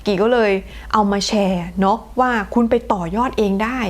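A young woman teaching English pronunciation in a friendly, chatty way, stretching out example words slowly. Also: mid-range voice, darkish tone. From Thailand. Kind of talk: online lesson explaining phonetics.

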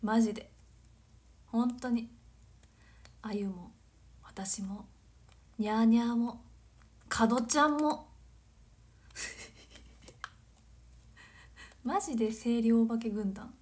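A woman in her twenties from Nagano, chatting casually on a livestream, giggling and drifting into soft whispered asides. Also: fairly high pitch, very slow, long pauses. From Nagano, Japan. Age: 20s. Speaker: livestream host. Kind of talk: casual chat reading viewer comments.

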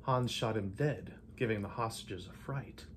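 An older man reads a rhymed picture book aloud in a living room, with measured, theatrical delivery and playful emphasis. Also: on the low side. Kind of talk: rhymed storybook read-aloud. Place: indoors in a home living room. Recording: light room noise.

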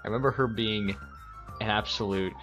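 Deep-voiced, foul-mouthed gamer man. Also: fairly even intonation, normal speed, a bit bright, soft background music. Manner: profane, joking, reads the game text aloud. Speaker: let's-play gamer. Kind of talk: casual game commentary.

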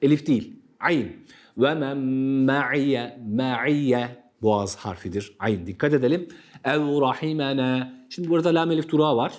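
A man with a Turkish accent teaching Quran recitation rules, patiently repeating words slowly to demonstrate correct pronunciation. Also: mid-range voice. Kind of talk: tajweed lesson.

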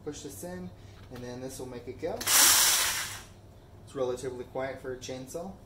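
A young man casually reviewing a tool in his garage and backyard, chatty and relaxed with frequent fillers. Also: medium pitch, measured pace, roomy sound, heavy background noise. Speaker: product reviewer. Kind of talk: casual product review vlog.

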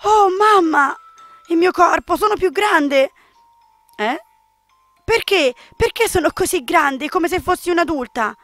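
A woman voicing an innocent but suspicious little girl in a dating game, reading her lines in a high, childish, indignant way. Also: expressive, measured pace, a bit bright, no room sound, faint music behind, full character voice. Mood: startled. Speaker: game player reading a character.

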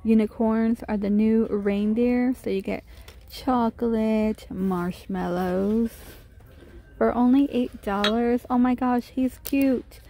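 Walking through a big indoor store with her handheld phone camera, a woman vlogs a shop-with-me video, chatting away and gushing about cute finds. She speaks slowly in a slightly high voice with fairly even intonation and a dark tone.

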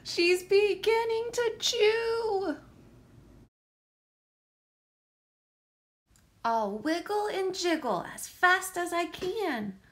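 Picture-book gingerbread man played by a woman: small, plucky, excitable, very high and swooping, exclaiming in rhyme. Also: slow pace, full character voice. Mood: alarmed. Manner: exclamatory, sing-song rhyming.

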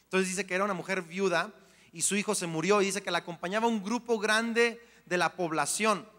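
Bright-voiced animated male preacher. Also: high voice, brisk. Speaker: pastor. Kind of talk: sermon. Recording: long hall reverb.

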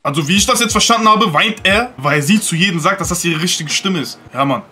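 A man's voice: sits high, brisk, sharp tone, slightly rough. A man doing reaction commentary on a clip, blunt and slangy, mocking and repeating his catchphrases. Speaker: reaction streamer.

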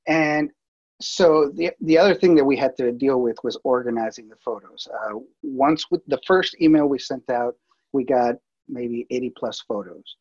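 A man's voice: mid-range voice, moderate pace, a little mellow, husky, muffled recording. A man presenting a workflow over slides in a webinar, talking casually with many fillers and restarts. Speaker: multimedia producer presenting.

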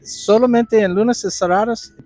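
A middle-aged English-speaking man who co-owns a restaurant, answering in halting Spanish outside the restaurant. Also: sits high, steady tone, a little mellow, dry recording. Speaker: restaurant co-owner. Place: outdoors at a restaurant front. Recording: faint background music.

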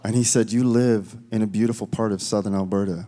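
A man's voice: lowish voice, steady tone, brisk, mellow. A man talking from the stage at a folk concert in rambling, self-deprecating banter full of fillers, with guitar behind him. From Canada. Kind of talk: relaxed stage banter between songs. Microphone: stage vocal mic. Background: guitar playing.

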